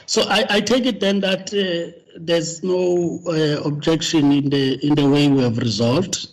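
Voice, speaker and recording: A man chairing a formal committee meeting, speaking haltingly with many fillers. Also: a little high, rough recording.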